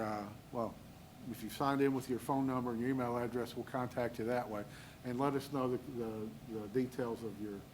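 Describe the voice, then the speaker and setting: This is a man chairing a public meeting in an easygoing, folksy way, pausing often and filling gaps with fillers. His voice sits at an ordinary middle pitch. Faint room noise hangs under the recording. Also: low-quality recording. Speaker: city official chairing a hearing.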